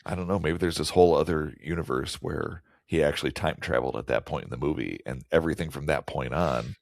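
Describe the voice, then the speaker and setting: A man's voice: very deep voice, fast, creaky, no room sound, studio quality. A man co-hosting a podcast, chatting casually and rambling with jokes. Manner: rambling, joking. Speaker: podcast co-host.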